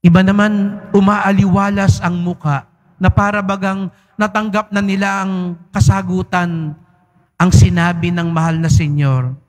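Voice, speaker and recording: A man, a priest giving a Sunday homily in a large church, speaks conversationally with teasing asides and frequent tag questions. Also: high voice. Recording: long church reverb.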